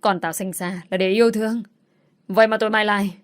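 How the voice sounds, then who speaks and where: A woman's voice: medium pitch, steady tone, fast talker, close to an everyday voice. Fierce loving old dad standing up for his daughter, woman reading. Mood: enraged. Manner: fatherly, caring, then cursing in rage. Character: protective older father, fiercely loyal to his daughter.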